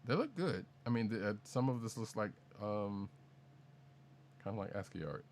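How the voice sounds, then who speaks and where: A man with a very deep voice co-hosts a casual podcast, rambling through news items. He restarts sentences and drops jokes along the way. A faint hiss sits under the recording. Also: big pitch swings, normal speed, a little mellow. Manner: rambling, self-correcting, jokey. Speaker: podcast co-host.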